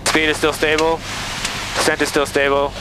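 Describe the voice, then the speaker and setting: A trainee pilot flying a small plane narrates each step aloud informally through an aviation headset, thinking as he flies. His fairly high voice is monotone at normal speed. Loud engine noise fills the cockpit over the headset intercom.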